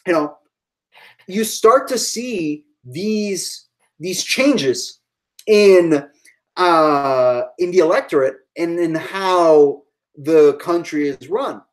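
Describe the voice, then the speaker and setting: A woman's voice: on the low side, expressive, extremely slow, low-quality recording. A woman giving a live-streamed history lecture to online students, thinking aloud with fillers and asides.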